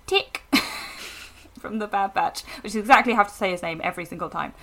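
A woman co-hosting a podcast in casual, animated chat, rambling with restarts. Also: medium pitch, fairly quick. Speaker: podcast co-host.

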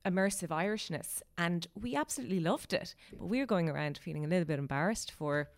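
A woman's voice: lowish voice, expressive, fast talker. A woman from Galway with a west of Ireland accent, chatting casually. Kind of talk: casual conversation.

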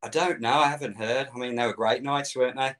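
A man's voice: mid-range voice, fairly even intonation, quick pace, a bit bright. A middle-aged man chatting as a guest on a fan show, rambling and easygoing, often laughing. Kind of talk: casual chat.

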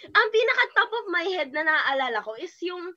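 Very high, bright woman reminiscing. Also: very animated, moderate pace. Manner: rambling, giggly recollection with trailing restarts. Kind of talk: casual chat. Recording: dull lo-fi sound.

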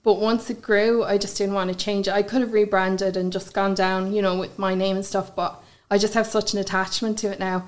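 A woman's voice: mid-range voice, flat delivery, a little fast, hardly any pauses. A woman with a west of Ireland accent talking casually and informally as an interview guest, with plenty of "like" and "you know". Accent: west of Ireland (Galway). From Galway, west of Ireland. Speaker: podcast guest, blogger.

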